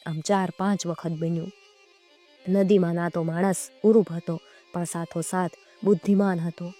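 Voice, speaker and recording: A woman's voice: fairly low pitch, fairly even intonation, moderate pace. A woman narrating a children's folk tale, acting out the dialogue in dialect. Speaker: storyteller. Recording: soft music behind.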